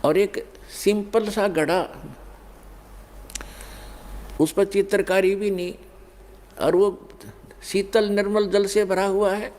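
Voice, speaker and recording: A man's voice: high voice, fairly even intonation, takes it slowly, long pauses, a little mellow. A man preaching a spiritual sermon, addressing listeners directly and explaining with everyday examples.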